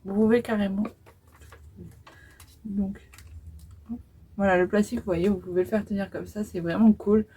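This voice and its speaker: Woman, 20s, beauty vlogger. Mellow, slightly breathy voice, casual and hesitant. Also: medium pitch, fairly even intonation, normal speed, long pauses, rough recording. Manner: chatty, hesitant, many fillers while applying makeup. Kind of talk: casual makeup tutorial.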